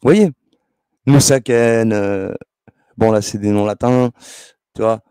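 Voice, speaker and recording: Man, mellow dark voice, dry close sound, rambling, scolding, hesitant. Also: fairly low pitch, slow pace, clean tone, no room sound. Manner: heated, scolding, lots of hesitations. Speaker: channel host. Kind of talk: rambling esoteric monologue.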